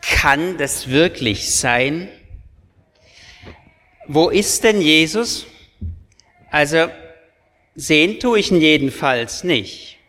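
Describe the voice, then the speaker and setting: A doubting inner voice, put on by a male preacher, asks slow, suspicious questions. It sits a little high for a man and drags each word out. A long church reverb trails behind it. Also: expressive, fairly bright tone, exaggerated voice. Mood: skeptical.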